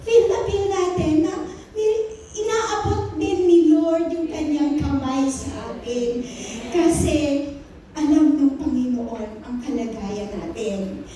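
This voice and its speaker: A woman pastor with a Filipino accent, preaching an animated sermon in a mix of Tagalog and English. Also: high-pitched, slow. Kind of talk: Taglish sermon. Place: church. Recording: echoey church hall, voice from a distance.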